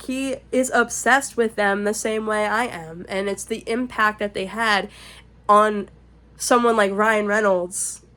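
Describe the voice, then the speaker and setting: A woman vlogging at home in casual chat, rambling and excitable, swearing freely, sometimes dropping to a shaky whisper. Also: on the high side. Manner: whispering to keep quiet. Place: home, indoors.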